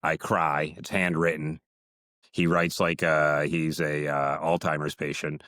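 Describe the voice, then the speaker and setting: A man hosting a podcast in casual interview chat, rambling through stories and firing off excited questions. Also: extremely low pitch, measured pace, dry recording, studio quality. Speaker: podcast host.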